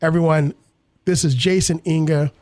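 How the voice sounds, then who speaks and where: A man's voice: fairly high pitch, steady tone, normal speed, darkish tone, dry recording. A man, hosting a radio talk show with earnest civic commentary. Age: 30s. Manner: earnest, civic-minded, repeats words while thinking.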